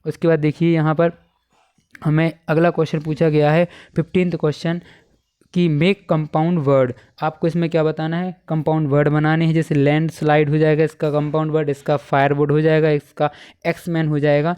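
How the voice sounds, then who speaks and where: A male teacher talks through exam answers in a smooth, resonant voice that sits a little high. He stays fairly level in pitch, and he repeats and dictates each answer slowly. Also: monotone, darkish tone. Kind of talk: exam paper walkthrough for schoolchildren.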